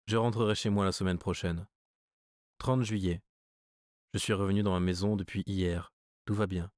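Brief: low male audiobook narrator, measured and steady, dry close mic. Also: dry recording. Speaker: audiobook reader. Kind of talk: scripted narration of a classic story.

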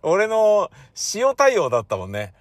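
A man's voice: measured pace, no echo. A man hosting his own channel, rambling in a casual, self-mocking monologue from inside a car. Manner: rambling, self-mocking, lively pitch swings. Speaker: channel host.

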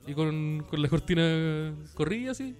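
High-voiced Chilean man joking around. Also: expressive, normal speed, a little mellow, faint music behind. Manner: joking, slangy, acts out scenes with sudden high squeals. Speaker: podcast co-host. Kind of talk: casual banter.

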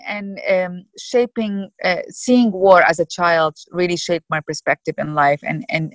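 A woman in her fifties from Iraq, answering interview questions thoughtfully with many pauses and fillers. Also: sits low, fairly bright tone, no echo, low-quality recording. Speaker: guest.

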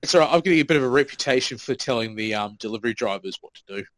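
Animated, swearing podcast man. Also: mid-range voice, very fast, no echo, low-quality recording. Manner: swears freely, acts out quoted remarks. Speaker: podcast co-host. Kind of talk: casual chat.

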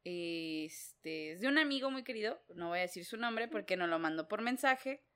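A woman's voice: lowish voice, lively intonation, normal speed, a bit bright, clear, resonant tone. A young Mexican woman co-hosting a casual chat show, making crude, slangy jokes. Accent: Mexican Spanish. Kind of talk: casual chat, reading a message aloud.

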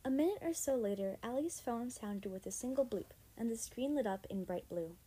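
A woman's voice: on the high side, animated, moderate pace, dark tone, breathy edge, poor audio. A woman narrating a story chapter by chapter, reading steadily and expressively. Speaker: audiobook narrator.

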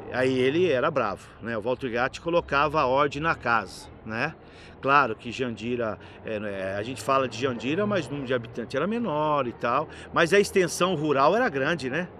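A middle-aged man, telling stories as a podcast guest in a lively, slangy way. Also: on the high side, a little hiss or hum. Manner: lively, slangy, animated storyteller. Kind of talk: casual anecdotal storytelling.

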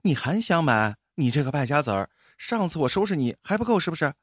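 A man's voice: a little high, sing-song, a bit bright, slightly rough, dry recording, studio quality, pitched above the performer's own voice, heavily acted. A man putting on a scolding thrifty wife. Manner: quick, scolding, coaxing tones. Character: thrifty middle-aged wife, sharp-tongued but loving. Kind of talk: storytelling with character voices.

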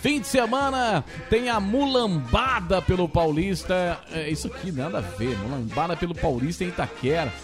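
Lively high-voiced Brazilian man, teasing banter. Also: normal speed, over music. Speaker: sports show co-host.

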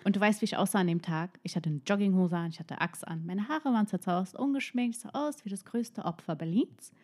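A young woman co-hosting a casual podcast, telling a story with lively quoted voices and frequent laughter. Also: mid-range voice, brisk. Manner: animated, acts out quotes, laughs while telling. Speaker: podcast co-host.

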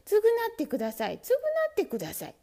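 A cheeky little storybook mouse with a haughty, complaining way of talking, as a woman puts it on. The voice is warm and mellow, with lively rises and falls. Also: sits high, normal speed, gravelly. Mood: wailing.

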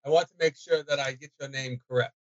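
A man's voice: mid-range voice, steady tone, fast talker, fairly bright tone, close to an everyday voice. A man playing a polite, bold male bard who asks careful questions. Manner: courteous, inquisitive. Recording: dull lo-fi recording.

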